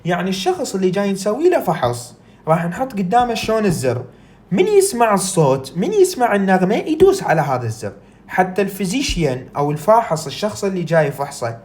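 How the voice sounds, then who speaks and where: In a recorded lecture, a woman with an Iraqi Arabic accent and a medium-pitched, slightly mellow voice reads English text slowly. She then explains it in Arabic, often posing questions and answering them herself.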